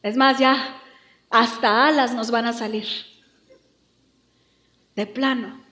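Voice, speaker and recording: A woman pastor preaching a lively, humorous sermon. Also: a little high, slow, roomy sound. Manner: lively, humorous, acts out quotes.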